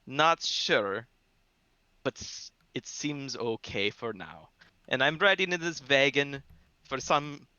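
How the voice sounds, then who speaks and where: A man voicing a very tall male dragonborn wizard with a put-on Swedish accent, deadpan and earnest, over a slightly muffled, dry mic. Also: mid-range voice, clear, resonant tone, no room sound. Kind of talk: tabletop role-play in character.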